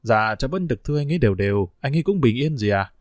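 A man voicing a calm, cautious middle-aged husband who speaks steadily and reassuringly. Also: mid-range voice, rapid-fire, no echo, clean studio sound, close to an everyday voice.

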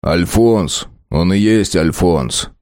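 A sullen former convict speaks bluntly in rough prison slang. A man reads him low and slow, with a dry, close sound. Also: a little mellow, dry recording. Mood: gruff.

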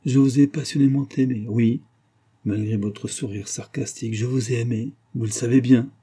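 Remorseful young wife pleading softly, read by a man with a very dark, husky tone. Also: medium pitch, fairly even intonation, moderate pace.

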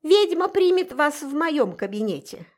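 A woman voicing a playful, mocking young male witch hunter in an audiobook, with a slow drawl. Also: a little high, big pitch swings, voice pushed up, heavily acted. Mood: teasing.

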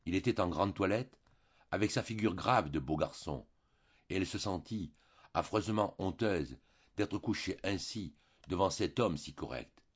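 A man reading a classic novel aloud as an audiobook narrator, in a slow, measured way. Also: deep voice, husky, highs cut off. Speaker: audiobook reader.

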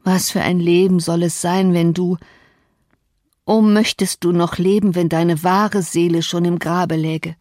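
A woman's voice: lowish voice, fairly even intonation, measured pace, a little mellow, no echo, clean studio sound, natural voice. A woman reading the lines of a brooding, bitter man torn by love, in an intense, reproachful tone.

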